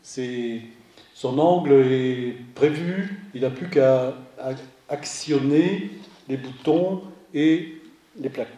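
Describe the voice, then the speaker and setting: Mellow man lecturing in an echoey room. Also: medium pitch, slow pace, a little hiss or hum. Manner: digressive, corrects himself mid-sentence; dry humorous asides. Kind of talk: slide lecture on art and photography.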